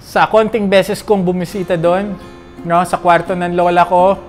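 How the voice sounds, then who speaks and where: A man's voice: high voice, normal speed, soft background music. Chatty man reviewing perfume. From Philippines. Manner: chatty, peppers talk with tag questions; animated, jokey asides. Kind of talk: casual fragrance review vlog.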